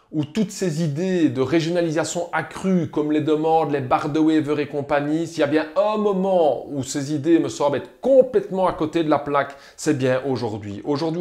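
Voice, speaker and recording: A man's voice: fairly high pitch, a little mellow. A man with a Liège accent, a politician giving an emphatic video message to viewers and asking rhetorical questions. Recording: roomy echo.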